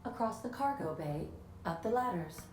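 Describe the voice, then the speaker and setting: A woman's voice: medium pitch, animated, normal speed, a little mellow, slight background noise, close to an everyday voice. A woman voicing a polite, precise female ship computer in a video game. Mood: courteous. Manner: formal, precise, courteous. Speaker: game character.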